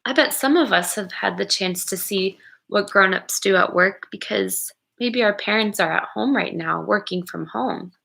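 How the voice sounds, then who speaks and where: A woman educator reads a picture book aloud to children in an expressive, encouraging way, stopping to wonder aloud and talk to her listeners. Her voice is mid-range with vocal fry.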